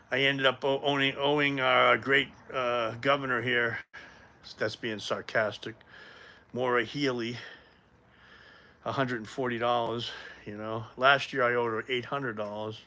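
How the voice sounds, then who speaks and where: Chatty 50s New man, bright voice. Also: mid-range voice, fairly even intonation, unhurried. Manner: rambling, chatty, greets viewers by name. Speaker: livestream host. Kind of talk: casual live stream chat. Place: home gym.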